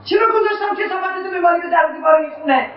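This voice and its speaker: A woman's voice: a little high, expressive, slight background noise, lightly acted. An actress playing an embittered middle-aged mother who lashes out with scorn, in a radio drama. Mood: scornful. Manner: bitter, scornful outbursts. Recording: echoey, distant, dull lo-fi sound.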